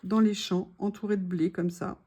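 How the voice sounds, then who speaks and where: A woman chatting casually to her viewers while unboxing craft supplies, gushing softly and adding small asides. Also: medium pitch, fairly even intonation, moderate pace, husky. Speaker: craft vlogger.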